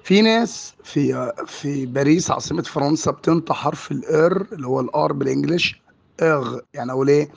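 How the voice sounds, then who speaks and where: A man's voice: on the high side, vocal fry, husky. A man with an Egyptian Arabic accent explaining French vowel sounds as a teacher, drawing out and repeating each example word. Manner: slow and drawn out on example words, repeating each one. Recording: dull lo-fi recording.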